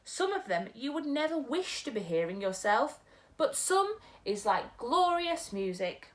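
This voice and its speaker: A woman's voice: fairly high pitch, sing-song, unhurried, voice pushed up. A woman voicing a kindly, earnest big friendly giant who talks in quirky broken grammar.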